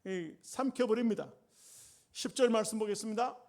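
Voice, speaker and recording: A male pastor, preaching a sermon with emphatic, drawn-out phrases and folksy humorous asides. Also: high-pitched, darkish tone.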